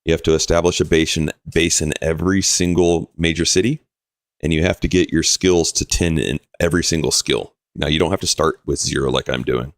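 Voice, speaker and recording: A man's voice: very deep voice, steady tone, a little fast, no room sound, clean studio sound. A man casually commentating his game on a live stream, explaining rules and answering chat.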